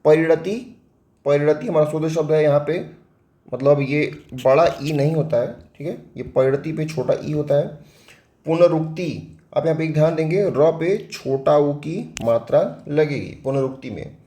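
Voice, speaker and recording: A man's voice: a little high, measured pace, mellow, echoey room. A man teaching a spelling lesson for exam prep. He explains step by step with a Hindi accent, asking questions and answering them himself.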